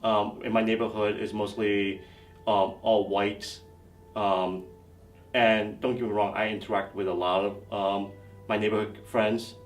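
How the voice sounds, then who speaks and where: Brief: hesitant sergeant, low monotone, distant mic, light music. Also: male voice, unhurried. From New York. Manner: hesitant, many ums. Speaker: army sergeant first class. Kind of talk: interview testimony.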